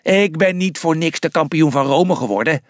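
A man's voice: a little high, lively intonation, moderate pace, no echo, studio quality, lightly acted. A man voicing a brave young male zebra champion in an audiobook, defiant in tone. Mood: proud.

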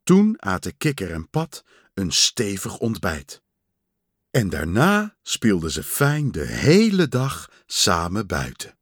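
A man reading a children's story aloud in a slow, lively storytelling manner. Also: on the low side, husky, no echo, studio quality. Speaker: storybook reader.

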